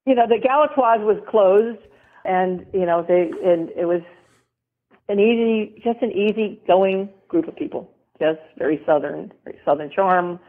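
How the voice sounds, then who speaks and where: A woman's voice: medium pitch, unhurried. Middle-aged lady guest rambling on a tinny call line, laughs a lot, chatty. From American South. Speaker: guest, former model. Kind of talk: casual interview talk. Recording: tinny phone-line sound.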